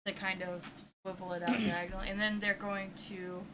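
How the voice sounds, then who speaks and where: A woman playing a tabletop game, describing her character's actions in halting speech full of fillers. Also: mid-range voice, little pitch movement. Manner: hesitant, halting, many fillers. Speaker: player. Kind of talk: casual tabletop play. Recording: noticeable background noise.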